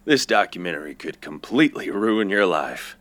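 A man leading a comedic group scene, deadpan and teasing, then reassuring. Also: low-pitched, moderate pace, no room sound.

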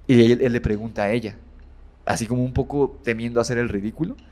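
A man's voice: mid-range voice, fairly even intonation, fast talker, a little mellow. A man casually retelling a horror story as a guest, rambling with many fillers and self-corrections.

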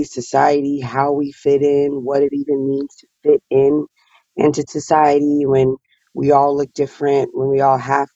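A guest with a raspy morning voice answers slowly and thoughtfully, pausing with fillers while searching for words. The tone is dark and mellow, heard over a dull, muffled lo-fi line. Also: medium pitch, no echo. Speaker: performer and guest. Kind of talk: reflective interview answers.

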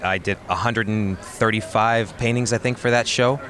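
Male artist guest, low voice, matter-of-fact and low-key. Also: steady tone, moderate pace, fairly bright tone. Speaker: painter, guest. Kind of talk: casual interview answers.

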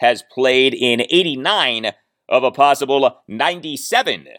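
Male host, solo football analysis, very animated delivery, dead-dry room. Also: mid-range voice, a little slow, no room sound. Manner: lively, emphatic, repeats key points. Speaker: podcast host. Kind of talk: solo sports podcast analysis.

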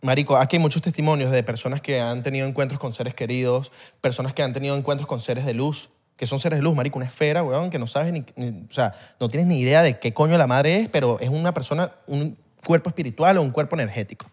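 A man's voice: medium pitch, fast talker, hardly any pauses, a little mellow. A man, hosting a podcast and explaining a topic in casual, rambling chat full of slang. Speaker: podcast host.

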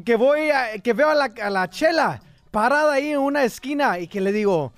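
A man's voice: very high-pitched, expressive, no echo. A man telling a joke on a radio show, stumbling and restarting as he goes. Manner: halting, stumbling storyteller. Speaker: radio co-host.

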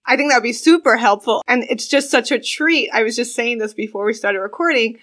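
Woman cohost, kinda high voice, gushy and excited. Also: brisk. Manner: gushing, enthusiastic. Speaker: podcast co-host. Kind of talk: casual podcast chat.

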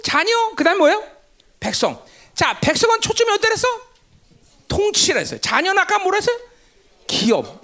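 A woman giving a sermon-style Bible lecture. She keeps asking her listeners rhetorical questions and answers them herself, with emphatic bursts and sudden low, hushed asides. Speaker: Bible teacher.

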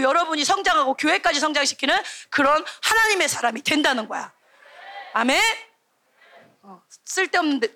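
Woman, young adult, children's camp preacher, animated storyteller, very high voice, bright tone. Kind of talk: lively sermon to children.

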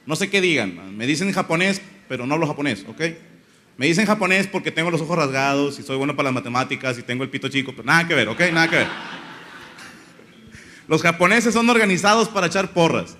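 A young man rambles through a stand-up monologue, crude and full of slang. His voice sits fairly high and sounds bright and forceful. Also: expressive, fast talker. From Monterrey, Mexico. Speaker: comedian.

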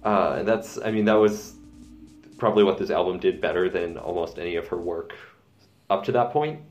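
Male podcast co-host, very low voice, rambling talker, faint music underneath. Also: a little fast, darkish tone. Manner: rambling, many fillers and laughs. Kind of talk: casual music discussion.

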